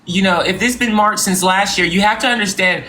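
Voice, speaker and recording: A live-stream host playing a company boss in improvised comedy, talking in a mock-formal, drawn-out way. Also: mid-range voice, bright, forceful tone, slight background noise. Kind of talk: improvised comedy role-play with callers.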